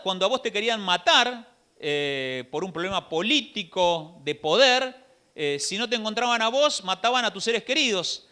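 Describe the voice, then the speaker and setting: A man with an Argentine accent preaching a sermon in a church, telling the story in an animated way with rhetorical questions. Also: sits high. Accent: Rioplatense Argentine Spanish.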